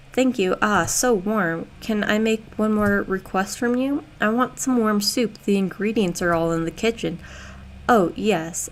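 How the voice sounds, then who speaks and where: A woman reading aloud a gentle, chatty young woman in a video game, soft-spoken. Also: mid-range voice, a little hiss or hum, natural voice. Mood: grateful.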